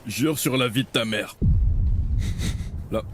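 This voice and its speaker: A man voicing a cynical male cartoon soldier who speaks in a low, calm, mocking tone in an animated skit. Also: slow, slight background noise. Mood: deadpan.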